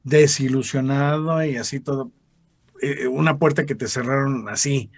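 Mexican guy, ex radio announcer, tells stories and does the voices, kinda husky, dry sound. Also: medium pitch, moderate pace, no echo. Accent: Mexican Spanish. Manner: animated, acts out quoted voices. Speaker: guest, radio announcer and voice actor. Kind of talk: casual storytelling interview.

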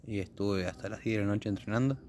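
A man's voice: on the low side, fast, darkish tone, a little hiss or hum. A young man chatting casually and slangily with a friend, outdoors by a fire. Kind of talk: casual chat.

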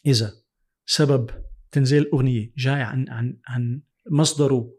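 Male interviewer, Levantine Arabic accent, average pitch, supportive and conversational, code-switching into English. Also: steady tone, moderate pace, darkish tone, husky. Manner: encouraging.

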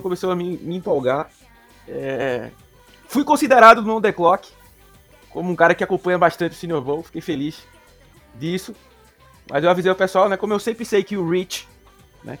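A man with a Brazilian accent co-hosting a casual sports podcast, slangy and joking, halting and often repeating himself. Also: a little high. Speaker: podcast co-host.

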